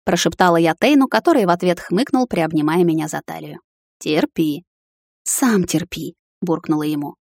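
A woman narrating a first-person fantasy romance audiobook in a quiet, even manner. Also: lowish voice, fast, gravelly, hardly any pauses, no room sound, clean studio sound.

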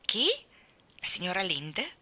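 A woman voicing a blunt, gruff old male farmer who speaks his mind plainly. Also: fairly low pitch, sing-song, measured pace, pushed and bright, heavily acted.

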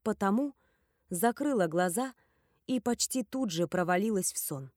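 Woman narrating a dark fantasy audiobook. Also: medium pitch, lively intonation, moderate pace, no echo, studio quality. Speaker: audiobook reader.

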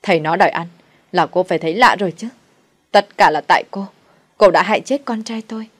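A woman narrator puts on a bitter older mother-in-law in a spoken story. Her voice sits low as she scolds and wails. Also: steady tone, brisk, no echo, close to an everyday voice. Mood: furious. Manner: scolding, wailing.

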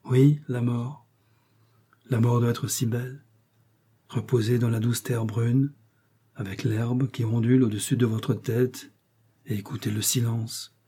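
A man voicing a lonely, centuries-old male ghost who speaks sadly, in a hushed and dreamy way. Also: medium pitch, level tone, measured pace, pauses often, slightly rough. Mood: sorrowful, dreamy.

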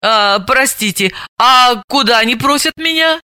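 A woman's voice: on the high side, big pitch swings, a little slow, sharp tone, no echo, clean studio sound, pitched above the performer's own voice, full character voice. A woman voicing a composed, courteous female psychoanalyst with a coolly ironic, mocking politeness.

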